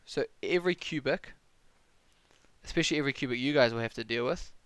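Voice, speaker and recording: A man's voice: medium pitch, fast talker, a bit bright, smooth, no room sound. A young man with a New Zealand accent tutoring maths on a live stream, thinking aloud and answering chat questions in a casual way.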